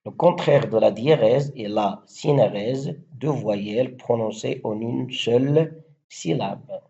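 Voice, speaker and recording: Male teacher, mellow low voice, unhurried, recites verse examples on a muffled recording. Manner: slow, deliberate, spelling out syllables and rhyme schemes. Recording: dull lo-fi recording.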